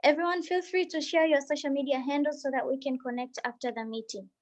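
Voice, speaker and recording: A woman's voice: high voice, fairly even intonation, quick pace. A woman from Tanzania, hosting an online meeting and welcoming people as they join the video call. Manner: reads out participants' chat greetings.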